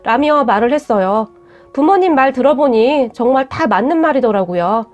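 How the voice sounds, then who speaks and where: A young woman narrating a first-person story in an even, steady way. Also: sits high, normal speed, soft background music.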